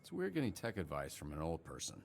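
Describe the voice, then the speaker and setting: A man's voice: a bass voice, huge pitch swings, fast, full character voice. An actor playing a sarcastic grown man who works as a dispatcher in a video game, with a dry, wry way of talking. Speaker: game protagonist. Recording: game audio with music.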